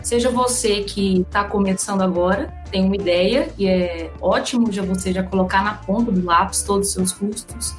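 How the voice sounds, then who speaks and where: A woman's voice: medium pitch, normal speed, hardly any pauses, soft background music. A woman from Goiânia, an economist guest explaining finances in a conversational way, often adding little tag words. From Goiânia, Brazil. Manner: conversational, frequent "né" and "então, assim". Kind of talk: explanatory interview talk.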